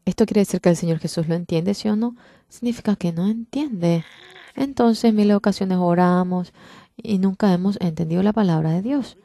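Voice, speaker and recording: A woman's voice: medium pitch, normal speed, gravelly, dark tone, dry recording, studio quality. A woman giving a sermon in interpretation, putting rhetorical questions to the congregation.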